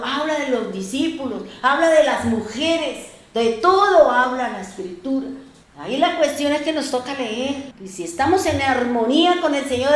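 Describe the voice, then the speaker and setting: A woman pastor preaches in a high, bright voice, telling stories in a lively way and acting out the voices of people she quotes. Her words ring through an echoey church room. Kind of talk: sermon.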